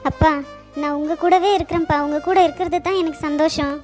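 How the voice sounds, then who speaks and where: A woman voicing a gentle, dutiful young woman in a cartoon, speaking softly and meekly. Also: high-pitched, fairly even intonation, quick pace, faint music behind, natural voice. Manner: soft, meek.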